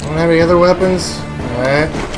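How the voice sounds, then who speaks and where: Young guy streaming a game, muttering and swearing, bit high voice, game music behind. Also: moderate pace, rough recording. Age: young adult. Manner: offhand, sweary, muttering to himself. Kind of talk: casual gameplay commentary.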